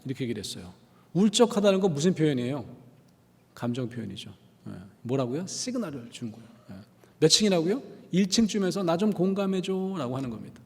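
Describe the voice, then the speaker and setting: 활기찬 남성 강연자, 울리는 예배당. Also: male voice, on the high side, quick pace. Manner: animated, acts out dialogues in changing voices, asks the audience questions. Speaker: guest lecturer at a church prayer meeting. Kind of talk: lively church lecture on empathy with acted examples. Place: church sanctuary. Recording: long hall reverb.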